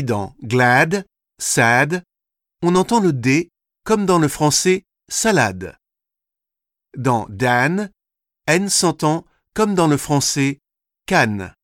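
A man slowly reading a scripted language course, with careful, deliberate articulation. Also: on the high side, dry recording, studio quality. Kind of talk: scripted instructional narration.

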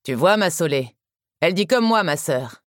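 A woman narrator voicing a tall, affectionate young husband without lowering her voice. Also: animated, normal speed, no room sound, studio quality, natural voice.

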